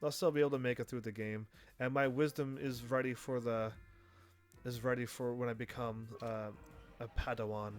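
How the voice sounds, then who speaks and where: A man's voice: mid-range voice, steady tone, moderate pace. A man giving casual live gameplay commentary, rambling and thinking aloud as he plays. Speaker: game streamer.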